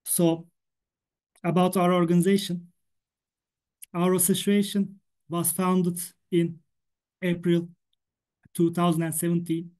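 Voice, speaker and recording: A native Turkish speaker from Turkey, this man has a Turkish accent and gives a prepared English presentation for a stuttering association while stuttering, repeating words and sounds. His high, darkish voice is flat and slow, with long pauses.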